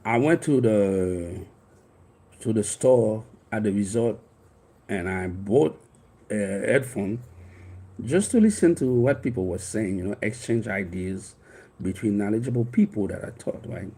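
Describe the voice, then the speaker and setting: A life coach from Haiti in his fifties, whose native tongue is Haitian Creole, earnestly relates a personal story, wandering and restarting often. His Haitian-accented voice is fairly low, warm and husky, expressive and unhurried.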